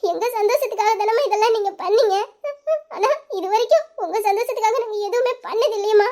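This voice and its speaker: A woman's voice: very high voice, quick pace, dark tone. A woman playing a young adult daughter in a family drama, speaking in an earnest, apologetic and affectionate manner. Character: Nila, grown daughter, loving and apologetic. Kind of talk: emotional family drama acting.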